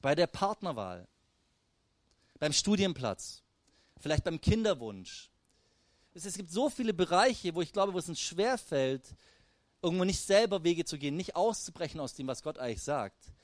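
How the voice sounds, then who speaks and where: A man preaching a sermon in a lively, direct way, often turning to the congregation with questions and calls. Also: on the high side, normal speed, pauses often, no echo. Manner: lively, addresses the audience directly with "hey" and "wisst ihr".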